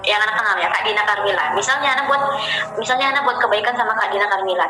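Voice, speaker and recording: A woman teaching an informal Islamic study session in a gentle way, often repeating phrases and speaking directly to her listeners as friends. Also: on the high side. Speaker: ustadzah leading a religious study session. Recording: roomy sound with music playing behind.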